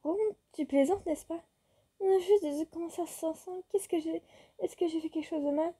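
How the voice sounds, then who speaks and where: A woman voicing a shy young girlfriend in a romance game, soft and anxious. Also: extremely high pitch, brisk, pitched above the performer's own voice. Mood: upset.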